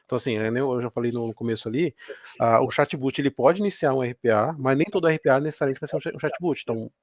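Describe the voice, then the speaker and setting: A man's voice: medium pitch, fast, no echo, clean studio sound. A Brazilian man explaining automation in a seminar discussion, with fillers. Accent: Brazilian Portuguese. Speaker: speaker. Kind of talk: technical explanation.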